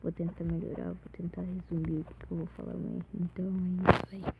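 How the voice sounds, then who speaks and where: A drowsy, slightly hoarse voice with a Brazilian accent, female-sounding, speaking in a hushed way in a casual late-night update to gaming viewers. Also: medium pitch, flat delivery, fast talker. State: very sleepy. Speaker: video creator. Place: in bed in a dark bedroom at night. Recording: dull lo-fi audio, loud noise, clicks.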